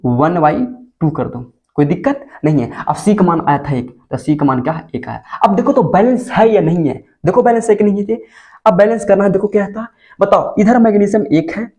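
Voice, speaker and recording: A male schoolteacher gives a chemistry lesson to board exam students, repeatedly posing questions to the class and answering them himself. His voice sits high, with a dark tone and a moderate pace.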